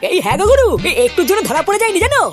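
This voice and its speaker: A squeaky, excitable cartoon sidekick, acted by a woman, boastful and cheeky. He chatters at top speed with a bouncing pitch. Music plays beneath him. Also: very fast. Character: cheeky young male sidekick, petty thief. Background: background music.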